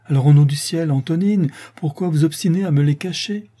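A man's voice: on the high side, fairly quick, dark tone, pitched above the performer's own voice, lightly acted. A man voicing a hot-tempered, jealous young soldier who pleads with his fiancée in a read-aloud novel. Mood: urgent. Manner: pleading, impassioned.

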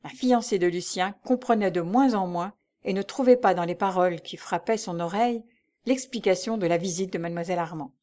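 A woman narrating a classic novel in a steady, composed storytelling voice. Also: on the low side, a little fast. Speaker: audiobook narrator.

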